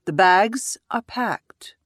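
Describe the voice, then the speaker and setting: A woman voicing a stern, controlling husband who talks in slow, clipped, cold lines. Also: high voice, animated, fairly bright tone, dry recording, studio quality, heavily acted.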